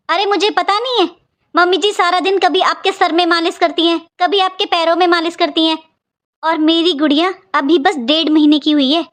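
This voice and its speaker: Give me a woman voicing a weary young daughter-in-law, high and pleading. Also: fairly bright tone. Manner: pleading, complaining, earnest. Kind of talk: Hindi cartoon voice acting.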